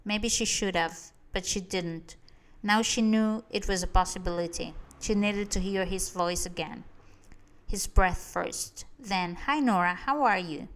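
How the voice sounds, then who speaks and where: A woman narrating an audiobook in a measured, expressive reading. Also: medium pitch.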